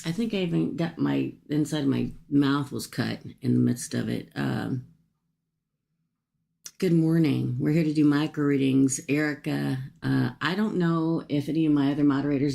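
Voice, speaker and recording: Speaking through a jaw and cheek swollen and sore after a tooth extraction, a low-voiced woman hosts a casual livestream where she offers paid psychic-style readings. Her gravelly, fry-laden voice has a dark tone and moderate pace, and she's folksy and chatty, drifting from aside to aside as she talks to viewers.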